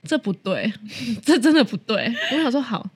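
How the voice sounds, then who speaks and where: A young woman, co-hosting a casual chat and telling a story in an animated way, laughing often. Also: fairly high pitch, moderate pace, slightly rough. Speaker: co-host.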